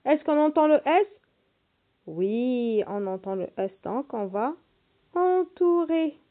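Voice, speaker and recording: A woman teacher slowly and patiently walking young children through a reading and writing lesson, spelling out letters and sounds. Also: fairly high pitch, expressive. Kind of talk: primary school reading lesson. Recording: tinny phone-like audio.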